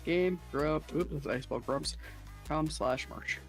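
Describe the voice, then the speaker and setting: A woman's voice: sits low, slow, faint music behind. A woman chatting casually with a friend on a stream, easygoing and dropping the odd "uh". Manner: easygoing, fills with "uh". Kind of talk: casual chat.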